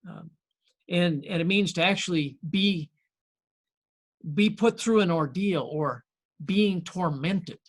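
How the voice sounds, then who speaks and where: A male pastor gives a conversational sermon built on folksy stories and gentle humor. His voice is a bit higher than most men's, and he speaks in a friendly, unhurried manner, pausing often.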